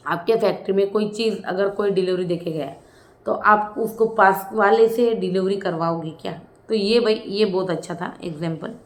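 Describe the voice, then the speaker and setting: A woman's voice: mid-range voice, reverberant. A woman giving casual, chatty commentary as a reality show reviewer, often saying "bhai" and "hmm".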